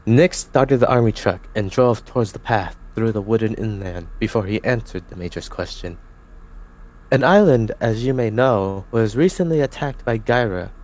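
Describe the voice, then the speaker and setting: A young man narrates fan fiction for a group reading from his home mic on a voice call. His voice is fairly low and his delivery stays steady. He stumbles now and then and corrects himself. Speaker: host and narrator.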